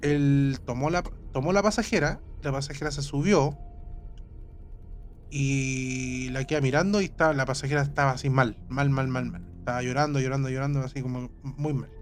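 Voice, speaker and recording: A man's voice: medium pitch, steady tone, moderate pace, faint music behind. A man with a Chilean accent telling a story in a casual chat, rambling and repeating his words. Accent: Chilean Spanish.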